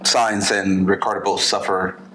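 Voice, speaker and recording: A man's voice: low voice, level tone, unhurried, background noise. A man co-hosting a casual podcast, talking in a loose, rambling way with plenty of fillers. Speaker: podcast co-host. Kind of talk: casual chat.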